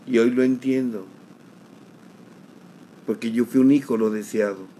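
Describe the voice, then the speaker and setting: A middle-aged man, giving an emotional personal testimony at a recovery group, slowly, repeating phrases for emphasis. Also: mid-range voice, fairly even intonation, mellow, slight background noise, poor audio. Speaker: sharer at a recovery group meeting.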